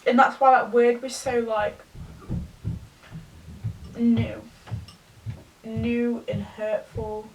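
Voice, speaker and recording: A young woman, tipsy, giving a rambling, halting confessional rant to a camera some distance away. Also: a little high, level tone, a little hiss or hum. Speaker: vlogger. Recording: distant from the mic.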